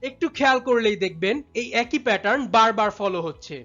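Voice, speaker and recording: Female teacher, higher voice, measured explanatory narration, dull lo-fi recording. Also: animated, fairly bright tone. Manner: measured, explanatory, addresses students directly. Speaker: English spelling teacher. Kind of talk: scripted instructional narration. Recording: dull lo-fi sound with faint music.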